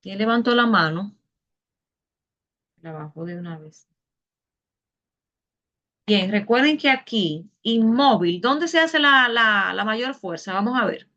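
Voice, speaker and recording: A woman's voice: mid-range voice, lively intonation, takes it slowly, pauses often, bright, forceful tone, lo-fi sound. A woman teaching a class, explaining patiently step by step and asking her students questions. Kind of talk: online Spanish class.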